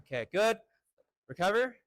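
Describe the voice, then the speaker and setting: Guy teaching fencing, pretty high voice, short crisp drill commands, encouraging, pretty dry sound. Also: sing-song, no echo. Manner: crisp, short commands between quick words of approval. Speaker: fencing instructor. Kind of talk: live drill instruction.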